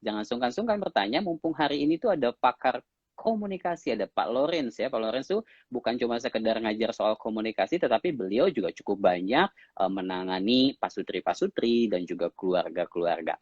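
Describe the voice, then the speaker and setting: A man's voice: mid-range voice, lively intonation, brisk, dry recording. A man from Indonesia hosting a live-stream interview, summing up and asking long questions. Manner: sums up and asks long questions. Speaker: host. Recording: dull lo-fi live-stream audio.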